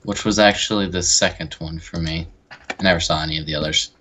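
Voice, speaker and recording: Very deep, slow-talking gamer guy. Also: steady tone, bright, forceful tone, slight background noise. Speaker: game co-host. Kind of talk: casual gameplay chat.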